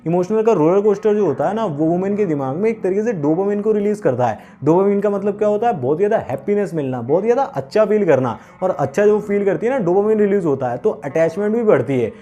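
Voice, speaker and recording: A man coaching viewers on dating in a talking-head lesson. His voice sits high but sounds mellow and soft-edged. He delivers his points emphatically, one numbered rule at a time. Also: lively intonation, fast talker, few pauses. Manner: instructive, emphatic, numbered rules. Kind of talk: scripted talking-head advice.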